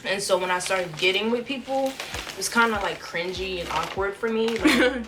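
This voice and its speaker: A woman co-hosting a casual mukbang chat, teasing with jokes she quickly takes back. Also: mid-range voice, background noise. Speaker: co-host of a mukbang channel. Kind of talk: casual chat while eating.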